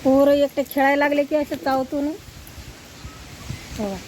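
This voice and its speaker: High-voiced village woman chatting outdoors. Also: level tone, normal speed, darkish tone, slight background noise, rough recording. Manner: chatty, showing things to viewers. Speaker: vlogger. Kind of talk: casual village vlog.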